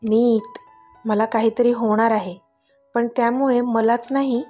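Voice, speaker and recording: A woman's voice: on the high side, measured pace, soft background music. A woman voicing a loving young wife who speaks with eager affection in a storybook reading. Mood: tender. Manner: affectionate, excited.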